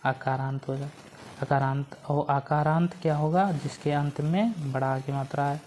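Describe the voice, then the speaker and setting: A woman teaches an exam-prep grammar lesson in a low, dark-toned voice. She keeps asking the class questions and answering them herself. She repeats each key point so it sticks. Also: steady tone, normal speed, a little hiss or hum.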